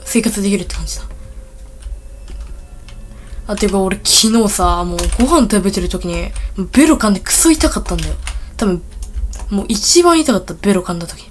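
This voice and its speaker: A woman hosting a casual gameplay video, rambling and excitable with blunt, rough speech, talking a little thickly from a bitten tongue. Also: mid-range voice, slight background noise. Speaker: gaming video host.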